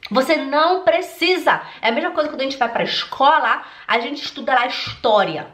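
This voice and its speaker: An animated woman from Belém do Pará, Brazil, who teaches German and creates online courses, gives a motivational talk to camera. Her voice is high and a little fast, and she is emphatic, speaks directly to the viewer, and laughs easily. The recording has the echo of a roomy space.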